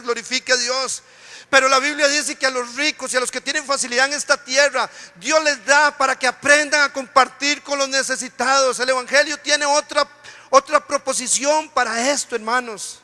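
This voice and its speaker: A man pastor preaches an impassioned sermon in a very high, bright, forceful voice, repeatedly addressing the congregation as "hermano" (brother). The recording carries a long hall reverb.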